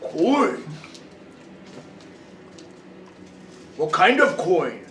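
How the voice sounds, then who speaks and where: A man voicing a grandiose one-eyed giant cult leader in a slow, theatrical, dopey cartoon bellow for a tabletop game. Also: high-pitched, sing-song, fairly bright tone, voice pushed up, heavily acted. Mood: dim, curious. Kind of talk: tabletop role-play character voice. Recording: roomy, distant mic with faint noise.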